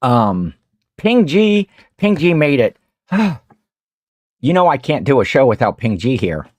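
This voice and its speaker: A man's voice: mid-range voice, sing-song, a little slow, darkish tone, no room sound. A man with a Midwestern American accent hosting a casual livestream, rambling while he eats and greets viewers in the chat. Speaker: host of a reseller livestream.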